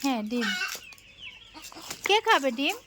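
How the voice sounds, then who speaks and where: A woman's voice: high-pitched, sing-song, takes it slowly, background noise. A mother talking baby talk to her toddler, coaxing her with sing-song questions.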